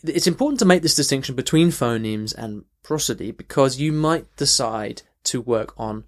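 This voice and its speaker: In London, a male language teacher runs an off-the-cuff audio lesson for his podcast at a normal pace and in an animated, medium-pitched voice. He keeps restarting, rephrasing, and asking "okay?" to check on the listener.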